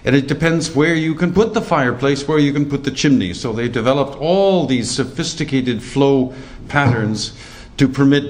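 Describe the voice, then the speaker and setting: An older man giving a lecture over slides, animated and emphatic, slowing right down to stress key points. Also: medium pitch, a little hiss or hum.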